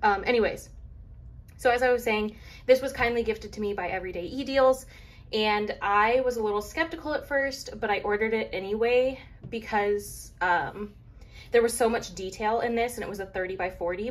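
Chatty, slightly breathless woman vlogger. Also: medium pitch. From Arizona, USA. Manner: rambling, filler-heavy, chatty. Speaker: craft vlogger reviewing a kit. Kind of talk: casual chat to camera.

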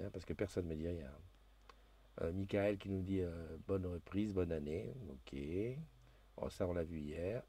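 A man's voice: sits low, darkish tone. A man hosting a casual live stream, chatting loosely with many fillers and restarts as he reads viewer comments aloud into a new desk microphone. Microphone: new desk microphone being tested.

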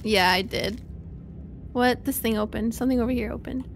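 A woman playing a game with a friend, chatting calmly and wryly. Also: fairly high pitch, normal speed, slight background noise. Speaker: guest co-player. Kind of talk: casual chat while gaming.

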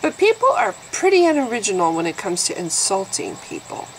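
A woman's voice: medium pitch, huge pitch swings, fairly quick, a little hiss or hum, low-quality recording. Blunt, nasal woman in her fifties. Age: 50s. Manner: blunt and sarcastic. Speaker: YouTube vlogger. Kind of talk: candid talking-to-camera vlog.

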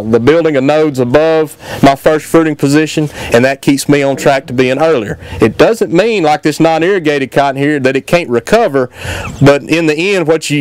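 A middle-aged extension cotton agronomist, speaking to farmers outdoors at a field day into a handheld microphone, relaxed and plainspoken, with many fillers and restarts. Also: male voice, fairly high pitch, clear, resonant tone.

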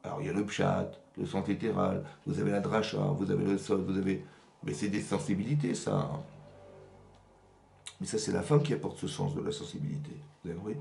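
Fast-talking gravelly rabbi teaching. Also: male voice, deep voice, echoey room, a little hiss or hum. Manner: animated, asks "vous avez compris?" often. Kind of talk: religious lesson to women. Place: rented workshop room.

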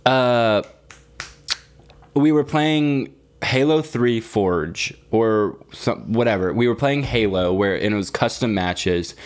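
A young adult man co-hosting a podcast chats casually, telling stories full of slang and swearing in a teasing manner. His voice is on the low side, and he speaks slowly.

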